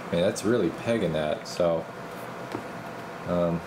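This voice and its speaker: At an indoor electronics repair workbench, a radio repair technician thinks aloud casually through a hands-on demonstration in informal, muttered steps. His voice is low-pitched and a little slow, and the recording is very noisy.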